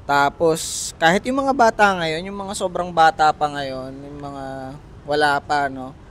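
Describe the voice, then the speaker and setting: A man's voice: on the high side, measured pace, fairly bright tone. Easygoing man chatting over traffic. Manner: easygoing, hesitant with fillers. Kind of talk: casual podcast chat.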